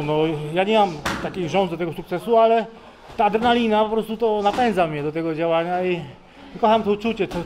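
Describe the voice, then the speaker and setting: A man of about forty, sweaty after training, giving casual, halting interview answers with many restarts, speaking into a handheld mic in a busy indoor gym. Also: high-pitched. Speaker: kickboxer being interviewed. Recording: noisy gym crowd around. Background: crowd of people training.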